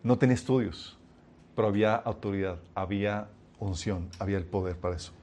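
A man's voice: lowish voice, a little fast. A young man preaching a sermon, telling stories and calling his listeners "chicos". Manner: addresses listeners as "chicos", lively storytelling.

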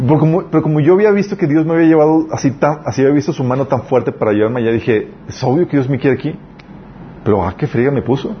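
A man's voice: medium pitch, quick pace, a little hiss or hum. A man preaching a sermon in an earnest, conversational way, telling personal stories. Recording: dull lo-fi recording.

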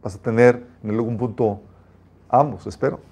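A man's voice: mid-range voice, normal speed, gravelly, dark tone, breathy edge. A man preaching a sermon as a pastor, reading scripture aloud and speaking emphatically, often restarting his phrases.

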